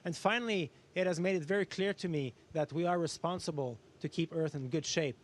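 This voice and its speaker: A man's voice: a little high, fairly quick. A man speaking as an astronaut in an educational question-and-answer talk, explaining things simply with everyday comparisons. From Canada. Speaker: astronaut guest answering students.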